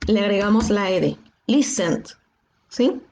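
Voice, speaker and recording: A woman's voice: medium pitch, lively intonation, slow pace, a little mellow, echoey room. A woman with a Mexican Spanish accent, an English teacher patiently explaining grammar in an online class and often checking with "¿sí?". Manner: patient, checks understanding with frequent "¿sí?".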